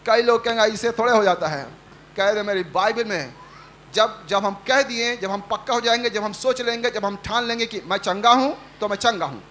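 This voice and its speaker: High-voiced preaching man. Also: normal speed, a bit bright, a little hiss or hum. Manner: repetitive call-and-response preaching, acting out quotes. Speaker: pastor. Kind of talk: Hindi sermon. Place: church service.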